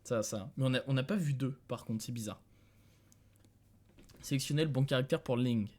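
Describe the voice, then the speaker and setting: Medium in pitch with a darkish tone and moderate pace, a young man from France talks loosely through his live-stream session, musing aloud, laughing now and then and speaking to his viewers. He's at a desk mic in a dim room at home.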